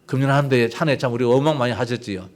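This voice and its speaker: A man's voice: medium pitch, fast talker. An older man preaching a sermon as pastor, talking conversationally and asking the congregation rhetorical questions.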